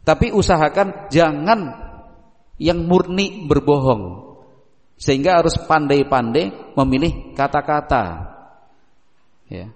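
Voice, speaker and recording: A man's voice: fairly high pitch, expressive, slow pace, long pauses. A man preaching in a casual question-and-answer style, who acts out little dialogues between parents and children and asks his listeners rhetorical questions. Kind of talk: casual religious Q&A lecture. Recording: long hall reverb.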